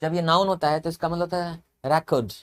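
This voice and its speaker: A man's voice: on the high side, steady tone, quick pace. A man teaching English vocabulary in a lecture, explaining step by step, spelling words out letter by letter and repeating them. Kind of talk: classroom lecture.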